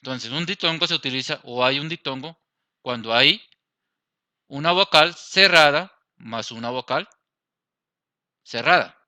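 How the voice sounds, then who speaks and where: A man's voice: mid-range voice, unhurried, pauses often, sharp tone, no room sound. A man with a Colombian accent teaching a Spanish grammar lesson, explaining step by step and checking in with his class. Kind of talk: grammar lesson over slides.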